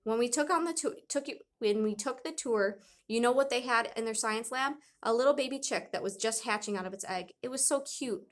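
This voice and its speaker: A woman voicing a loving mother who gently persuades her son, read aloud from a storybook. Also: a little high, brisk, few pauses, voice pushed up, close to an everyday voice. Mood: coaxing. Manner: coaxing and reassuring.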